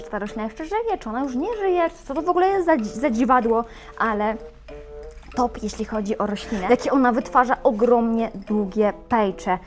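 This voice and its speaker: A woman hosting a plant shop video, talking in a playful, chatty and animated way. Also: on the high side. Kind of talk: casual video presenting plants.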